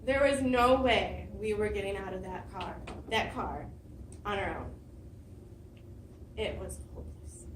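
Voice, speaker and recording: A woman giving a prepared personal story speech at a speaking club, telling it with lively dramatic emphasis. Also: medium pitch, measured pace, long pauses, slight background noise. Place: meeting room. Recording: roomy hall, mic at a distance.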